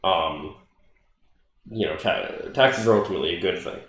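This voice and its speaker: Podcast co-host, male, low voice, loose rambling delivery, recorded in a very echoey room. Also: moderate pace, a bit bright. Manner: rambling, many fillers and restarts, swears casually. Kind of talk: casual chat.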